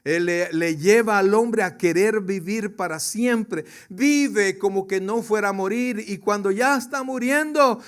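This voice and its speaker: A man preaching a sermon to his congregation, swinging from soft to loud and questioning his listeners directly. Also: high voice, a little slow, few pauses. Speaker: pastor.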